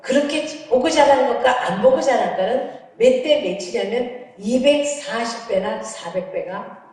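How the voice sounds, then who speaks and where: A middle-aged woman professor giving a lively lecture, telling funny stories and acting out dialogues. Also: a little high, a little slow. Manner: animated, humorous storytelling that acts out dialogues. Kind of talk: lively lecture with acted anecdotes. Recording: echoey hall from far off.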